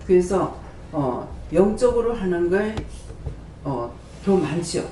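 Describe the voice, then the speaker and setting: Prayer house director at the pulpit, animated pitch, preaching to the congregation, back in a roomy church hall. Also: slow pace, slight background noise. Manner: conversational preaching with rhetorical questions to the congregation; quotes scripture and acts out dialogue. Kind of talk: sermon. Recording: roomy hall sound from a distance.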